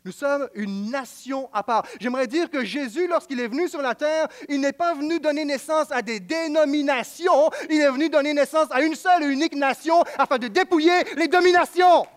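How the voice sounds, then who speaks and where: With a very high voice, a man with a Quebec French accent delivers a sermon fairly quickly and with few pauses. He's emphatic and repetitive, swinging from loud declaiming to quiet, close speech.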